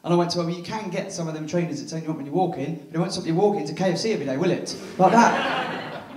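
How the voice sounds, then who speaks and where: A man's voice: a little high, very fast. An English man performing a bawdy stand-up comedy set on a theatre stage, punchy and full of tag questions. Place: theatre stage before a laughing audience. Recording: echoey theatre, mic heard from a distance.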